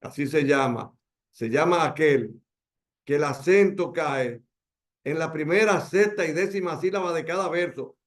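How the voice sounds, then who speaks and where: A man with a Dominican Spanish accent teaching an online poetry workshop over a video call, emphatic, repeating key words and slowing down to stress them. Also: on the high side.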